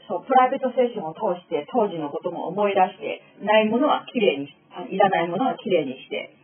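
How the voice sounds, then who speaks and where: Animated woman teacher, tinny phone-like sound. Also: fairly high pitch. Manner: animated, explains with acted-out examples. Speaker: teacher of a spiritual school. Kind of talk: spoken lecture to students.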